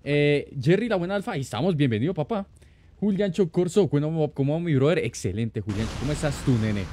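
A man hosting a gaming livestream, greeting chat with lively, slangy, playful banter. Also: a little high, fairly quick, dry recording. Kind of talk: casual live-stream chat greeting viewers.

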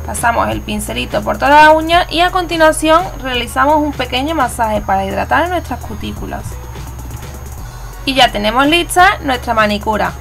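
A woman's voice: high-pitched, expressive, normal speed, gravelly, a bit bright. A woman from Spain with a Spanish accent, hosting her nail art channel and narrating a step-by-step tutorial in a chatty, instructive way. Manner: instructive, chatty, self-correcting. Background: faint background music.

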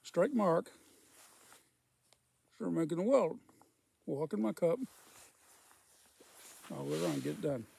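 A man tells a rambling, folksy story between puffs on his pipe, repeating himself as he goes. His voice sits a little high for a man, rough with gravel and a husky edge. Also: lively intonation, measured pace, long pauses, mellow. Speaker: storyteller, former welder. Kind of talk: casual spoken storytelling.

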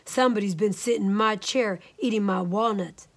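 A woman's voice: mid-range voice, fairly quick, close to an everyday voice. A woman voicing a great big indignant papa bear in a storybook, with a growling voice. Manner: loud, indignant exclaiming.

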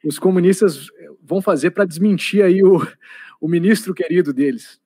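A Brazilian man with a fairly high, husky voice speaks hesitantly as a guest and often fills his pauses. The sound is close and dry. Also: warm tone, no echo. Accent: Brazilian Portuguese. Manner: hesitant, with fillers. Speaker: guest commentator. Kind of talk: casual discussion.

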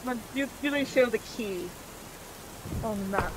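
A woman's voice: a little high, unhurried, very noisy. A woman chatting casually with friends while watching a multiplayer horror game, steering the group through the map. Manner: directs teammates, talks through the map. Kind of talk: casual gaming chat.

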